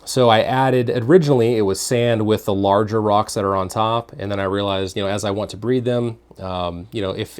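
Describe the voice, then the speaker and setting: A man's voice: on the low side, clear, resonant tone. A man giving a casual, informal walk-through in vlog style, rambling and thinking aloud as he guides the viewer. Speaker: tour guide. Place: indoors, workplace rooms. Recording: faint room and air-conditioning noise.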